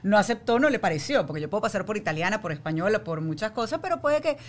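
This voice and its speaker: A woman's voice: medium pitch, sing-song, fast. A woman hosting a podcast, chatting and affirming her guest. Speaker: podcast host. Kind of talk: casual interview chat.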